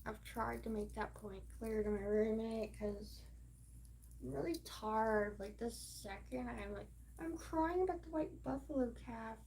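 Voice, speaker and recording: Brief: woman streamer, rambling and profane, slow delivery, slightly high voice. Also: vocal fry, darkish tone, slight background noise. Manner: rambling, profane, emphatic, with many fillers. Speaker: livestream host. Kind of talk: rambling livestream monologue.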